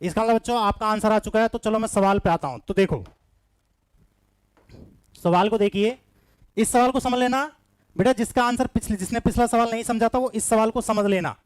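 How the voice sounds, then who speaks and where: High-voiced coaxing male teacher. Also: a little fast, long pauses, smooth, no echo. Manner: coaxing, repetitive, reads out students' answers by name. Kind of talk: live online maths reasoning class.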